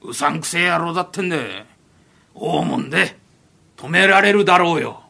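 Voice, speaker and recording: A man voicing a rough, teasing townsman in a comic rakugo story, with gruff, bossy street talk. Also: fairly high pitch, expressive, normal speed, sharp tone, voice pushed down, full character voice.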